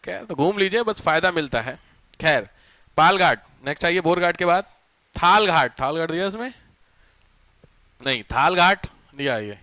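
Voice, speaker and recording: A male teacher giving a chatty geography lecture to a class, dictating notes slowly and asking students questions between anecdotes. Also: fairly high pitch, lively intonation, sharp tone, no echo.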